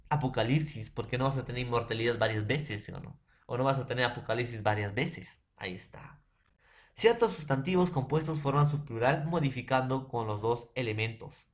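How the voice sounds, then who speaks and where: A man teaching a grammar lesson to a class, slow and repetitive, often checking in with his students. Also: mid-range voice.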